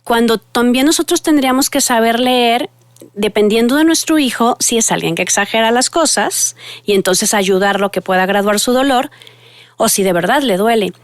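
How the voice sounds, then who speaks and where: Lady psychologist talking to parents, kinda high voice, earnest, dry close sound. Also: expressive, normal speed, no echo. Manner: warm, earnest, addresses listeners directly. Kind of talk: advice talk to parents.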